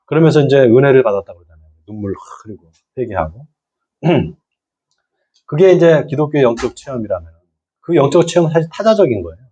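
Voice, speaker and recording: Middle-aged male pastor for a church lecture, mellow husky voice, keeps checking in with the room and repeating key terms, dull lo-fi sound. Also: medium pitch, big pitch swings, fast. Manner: asks the audience and repeats key words. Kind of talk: church lecture to lay people.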